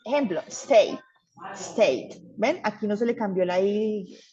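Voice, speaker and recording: A woman's voice: medium pitch, slow pace, darkish tone, muffled recording. A woman teaching an English grammar class, patient and checking in often with her students. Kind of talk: online class explaining grammar.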